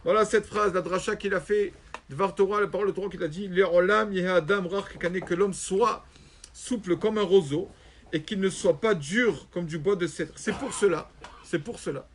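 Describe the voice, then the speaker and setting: A rabbi telling a story in a religious lesson, animated and acting out quoted voices. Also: male voice, sits high, normal speed, slight background noise.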